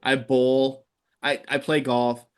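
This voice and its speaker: A man's voice: mid-range voice, little pitch movement, takes it slowly, smooth. A fifty-year-old man, a podcast guest, talking in an easygoing, blunt way in casual chat. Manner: easygoing, plain-spoken, gives blunt advice.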